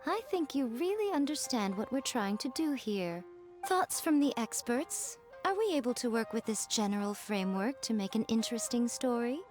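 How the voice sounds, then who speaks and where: In this video game voice acting, a woman plays a sly, elegant fox-spirit lady, self-assured and teasing, talking down to others with poised condescension. Her fairly high, darkish voice swings widely in pitch at a moderate pace, sounding amused and approving over background music.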